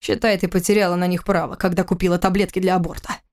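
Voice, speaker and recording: A woman's voice: lowish voice, little pitch movement, fast talker, darkish tone, natural voice. A woman voicing a cold, furious adult husband in an audiobook, speaking in a harsh, clipped, contemptuous way. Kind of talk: audiobook character reading.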